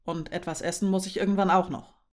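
A woman's voice: fairly low pitch, steady tone, quick pace, a little mellow, natural voice. Brief: tired, plain-spoken young man, literal and careful, read by a woman narrator, audiobook. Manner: plain, matter-of-fact.

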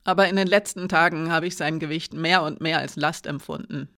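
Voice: medium pitch, steady tone, a little fast, natural voice. A reader voicing Alina, a shaken young woman warrior. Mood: resigned. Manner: urgent, then quiet and defeated. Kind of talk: audiobook character reading.

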